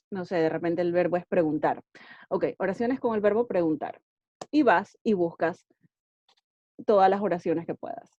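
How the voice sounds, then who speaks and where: This woman speaks with a fairly low, mellow voice, recorded dry with dull audio. She's an English teacher offering casual, friendly advice on learning languages, frequently checking in with "ok?" and mixing English words into her speech.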